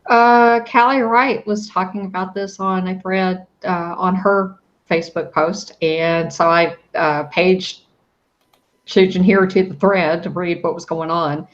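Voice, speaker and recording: A woman co-hosting a casual online show, easygoing and quick to laugh. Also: lowish voice, fairly even intonation. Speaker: co-host. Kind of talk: casual chat. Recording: dull lo-fi online audio.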